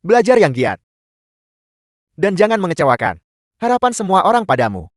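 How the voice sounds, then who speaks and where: A man's voice: high-pitched, big pitch swings, a little fast, no echo, clean studio sound. A man dubbing a drama film, with a stern, scolding delivery. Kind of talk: Indonesian dub of a Chinese drama.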